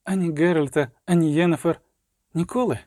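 A man reading aloud and voicing a quick, chattering young girl. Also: on the high side, steady tone, mellow, no echo, studio quality, close to an everyday voice. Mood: despairing. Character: young girl, brisk, hiding her fear.

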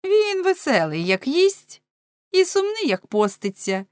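A woman's voice: extremely high pitch, sing-song, measured pace, no room sound, studio quality, voice pushed up, heavily acted. A woman reading the part of a bold, teasing young man in an audiobook, in a forthright manner.

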